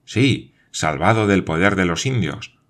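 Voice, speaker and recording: A man's voice: sits low, expressive, a little slow, a bit bright, heavily acted. A man reading aloud voices a stubborn, insistent frontier sergeant in a storybook, talking emphatically and firmly.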